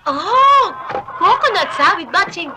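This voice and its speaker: A woman's voice: very high voice, very animated, slow pace, noisy background, exaggerated voice. An actress playing a vain, sassy neighborhood woman who mixes English into her Tagalog and scolds theatrically.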